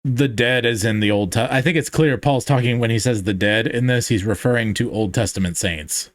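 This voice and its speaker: This podcast host has a mid-range male voice and talks fairly quickly, recorded in studio quality with no echo. He thinks aloud about theology in a casual, searching way, full of fillers and restarts.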